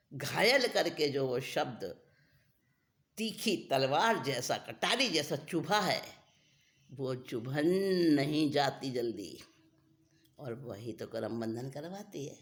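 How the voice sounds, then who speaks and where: A spiritual teacher giving a scriptural discourse, deliberate and repeating key phrases for emphasis. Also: medium pitch.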